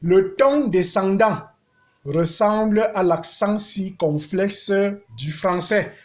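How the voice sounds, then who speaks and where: A man whose voice sits high gives a language lesson, speaking deliberately. He repeats words and sings out the vowels to demonstrate their tones.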